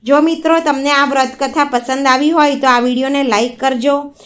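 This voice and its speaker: A woman narrating a devotional folk story in a steady, even read-aloud manner. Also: sits high, normal speed.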